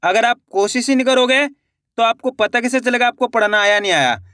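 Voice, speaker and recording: A man teaching children to read, sounding out each syllable slowly before saying the whole word, and encouraging viewers as friends. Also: extremely high pitch, bright, forceful tone, clear, resonant tone, no room sound, studio quality. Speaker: Hindi reading teacher. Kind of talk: slow syllable-by-syllable reading lesson.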